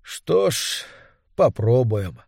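A man's voice: fairly high pitch, expressive, unhurried, a little mellow, no echo, clean studio sound. A man voicing a desperate, anguished husband pleading for help against a vampire. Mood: weary. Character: desperate middle-aged man haunted by a vampire. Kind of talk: audiobook character reading.

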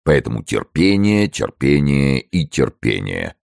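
A man reading as a proud, disgraced male minister in an audiobook, with solemn, measured speech. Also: extremely low pitch, very animated, gravelly, a little mellow, no room sound, studio quality, full character voice. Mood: grave.

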